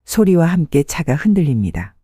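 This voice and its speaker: Lady reading scary stories, pitch moves around a lot, warm dark voice, dry. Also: very animated, moderate pace, husky, dry recording. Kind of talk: scripted horror story narration.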